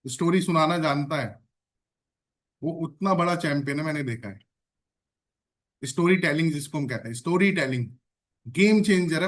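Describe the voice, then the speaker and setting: A man leading an online sales training session, repeating phrases and checking in with his trainees. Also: a little high. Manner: energetic, repeats phrases and asks the audience questions.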